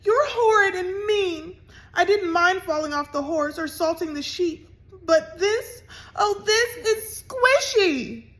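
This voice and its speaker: A woman voicing a prissy little city girl who sobs in a high, wailing voice with drawn-out words, in a read-aloud storybook. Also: lively intonation, fairly bright tone, heavily acted. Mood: sobbing. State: sobbing.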